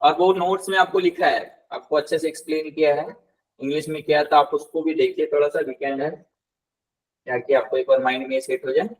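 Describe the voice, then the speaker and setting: A male tutor leads a live class, repeating each word slowly and patiently firing questions at his students. His voice sits a touch high for a man and sounds slightly distant from the microphone. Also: steady tone. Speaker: Spanish tutor. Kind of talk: live class teaching with explanations. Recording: voice somewhat distant from the mic.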